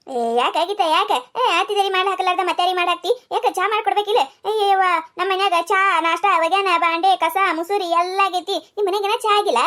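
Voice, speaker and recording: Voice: very high-pitched, steady tone, fast, hardly any pauses, bright, forceful tone. A performer doing a nosy cartoon neighbor woman. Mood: meddling. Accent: North Karnataka Kannada. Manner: meddling, questioning. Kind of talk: cartoon comedy voice acting.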